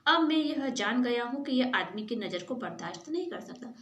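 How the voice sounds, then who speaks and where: Woman as naive young boy, sincere, high voice, roomy sound. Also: expressive, normal speed, fairly bright tone, highs cut off. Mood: earnest. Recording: echoey room.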